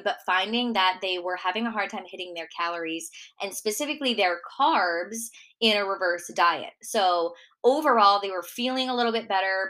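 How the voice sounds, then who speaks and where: A young nutrition coach with a Minnesota accent hosts her own solo Q&A podcast, chatty and packed with "like" fillers. Her voice is mid-range and a bit bright.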